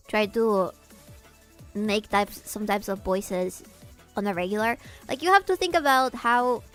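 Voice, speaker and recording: A woman with a fairly high voice talks off the cuff to her livestream audience. She is animated and giggly, and her pitch lifts when she gets excited. Faint music plays behind her. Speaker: VTuber streamer. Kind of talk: casual livestream chat, answering viewers.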